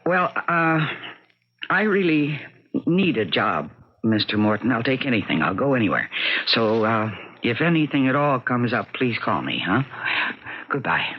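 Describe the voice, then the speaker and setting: A woman's voice: rumbling low, big pitch swings, unhurried, slightly rough, muffled recording, exaggerated voice. An actress in an old radio drama playing a lonely, self-possessed young woman, direct and wry. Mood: resolute, pleading.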